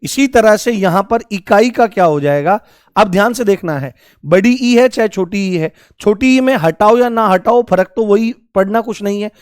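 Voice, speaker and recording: A man teaches Hindi grammar in a live online session, his fairly high voice smooth and a little mellow. He repeats key words and continually asks students to shout out examples, recorded close and dry with no echo.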